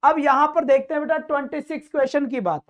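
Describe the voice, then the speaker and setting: Male coaching-class teacher with a high voice, chatty and quizzing, calls students "beta". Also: quick pace, a bit bright. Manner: explains English grammar in Hindi with English terms; chatty, mixes in course announcements. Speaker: exam-prep teacher. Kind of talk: online exam-coaching lesson.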